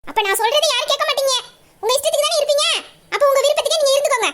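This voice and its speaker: A woman doing a shrill, rapid scolding mother. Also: a bit bright. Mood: complaining. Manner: scolding, complaining. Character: nagging middle-aged Tamil mother, scolding. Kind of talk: audio drama acting.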